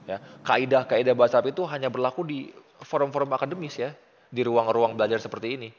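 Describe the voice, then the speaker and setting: A man's voice: mid-range voice, quick pace. Indonesian male Arabic tutor, patient and encouraging, muffled reverberant audio. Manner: patient, encouraging, praises often. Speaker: Arabic teacher. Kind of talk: casual online tutoring lesson.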